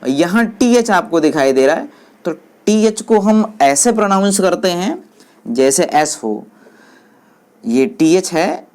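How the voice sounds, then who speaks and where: A woman teaching English, explaining each point slowly and repeating English phrases in Hindi while speaking to viewers as friends. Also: lowish voice, a little mellow.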